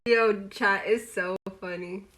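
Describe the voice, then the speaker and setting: A woman's voice: mid-range voice, fairly even intonation, takes it slowly, fairly bright tone, echoey room, slight background noise. A woman chatting casually off-mic on a stream, teasing and laughing along.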